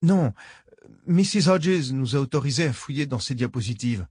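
A man's voice: mid-range voice, lively intonation, moderate pace, darkish tone, husky, no room sound, clean studio sound, voice pushed up. A man voicing a frightened young woman who speaks in a desperate, defiant way.

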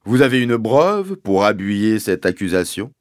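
A man voicing a pompous, deliberate village police sergeant who speaks slowly and officiously. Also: lowish voice, very animated, no room sound, clean studio sound, pitched above the performer's own voice.

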